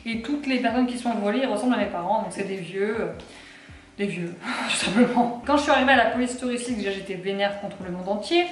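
A woman's voice: mid-range voice, fast talker. A young woman vlogging casually, chatty and exasperated, with lots of fillers and sarcastic asides. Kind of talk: casual vlog chat. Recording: echoey room with faint noise.

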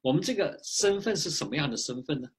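A man with a somewhat high, husky voice delivers a sermon. His pitch rises and falls with real animation, and he sprinkles short filler particles between phrases. He sounds like he is talking to a webcam in a small home office. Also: quick pace. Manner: lively preaching with frequent filler particles. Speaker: pastor. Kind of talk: sermon with consecutive interpretation.

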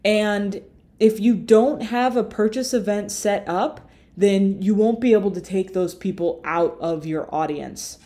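A young woman, a marketing tutor, walks viewers through a screen-share software tutorial in a relaxed, explanatory way, using fillers and correcting herself. She speaks at a medium pitch and measured pace, recorded on a webcam in a small room.

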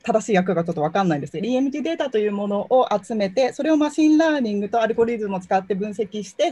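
A woman's voice: mid-range voice, dark tone. A woman summarizing a presentation for the audience, hesitant and apologetic, searching for words. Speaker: interpreter summarizing.

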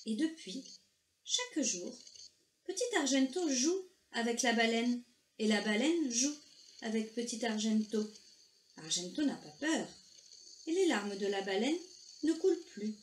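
A woman reading a children's story aloud, slow, gentle and expressive. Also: a little high. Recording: echoey room, faint noise.

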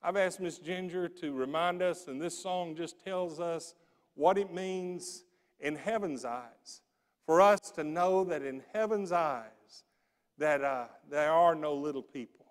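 Middle-aged male pastor, emphatic pulpit preaching, slightly high voice, reverberant sanctuary. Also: a little slow. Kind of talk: sermon. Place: large church sanctuary. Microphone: pulpit mic. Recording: long church reverb.

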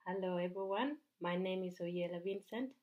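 A woman in her thirties from Uganda with a Ugandan accent, earnestly pitching a home business straight to camera with small slips and restarts. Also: normal speed, narrow, tinny audio. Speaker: business mentor. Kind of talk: direct-to-camera sales pitch. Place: bright indoor room.

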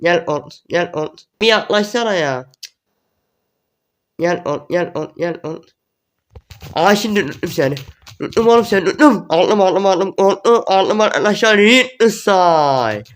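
Young guy narrating his game, pretty high voice, gets worked up and repeats stuff fast. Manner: excitable, repeats words in quick bursts. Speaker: gaming YouTuber. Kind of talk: live gameplay commentary.

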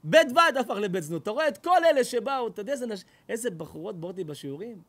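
High, lively rabbi telling stories. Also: male voice. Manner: lively, laughing, exclaiming storyteller. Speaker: rabbi giving a talk. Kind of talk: animated sermon storytelling.

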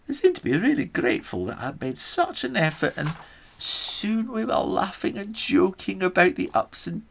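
A man's voice: a little high, gravelly, a bit bright, heavily acted. A man voicing a crafty Scottish island man, telling the story in the first person with a put-on Scottish accent. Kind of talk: storytime reading in character.

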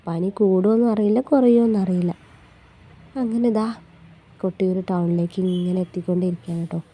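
A woman narrates a casual travel vlog while riding on a bus. Her voice is very dark and mellow, and a cold has left it stuffy and congested. She chats in a friendly, homely way, tacking small asides onto her sentences. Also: lowish voice, fairly even intonation, a little fast. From north Kerala. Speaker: travel vlogger.

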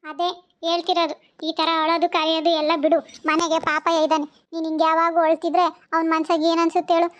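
A woman's voice: extremely high pitch, little pitch movement, quick pace. A woman voicing a fussing, anxious mother-in-law. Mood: coaxing. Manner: coaxing, worried questioning. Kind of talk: cartoon voice acting. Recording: dull lo-fi recording.

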